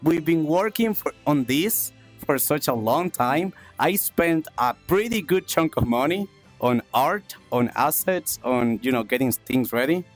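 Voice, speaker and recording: With a fairly high pitch and an animated but measured delivery, a streamer and talk show host from South America chats casually with his viewers. He thanks them warmly, repeats himself cheerfully, and coughs from chest congestion while soft music plays.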